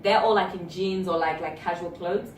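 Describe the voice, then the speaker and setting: A young woman recounts a story in a lively, blunt way, swearing freely. She sits away from the mic, and the room rings noticeably with a faint hiss underneath. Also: fairly low pitch, moderate pace, echoey room, far from the mic. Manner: animated, swears freely, acts out quotes. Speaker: vlogger. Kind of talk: casual story time.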